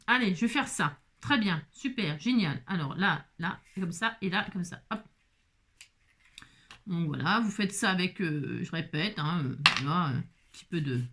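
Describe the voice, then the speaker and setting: This French woman's voice is medium in pitch with a sharp tone. She hosts a relaxed craft tutorial, chatty and playful, laughing frequently and muttering to herself as she works.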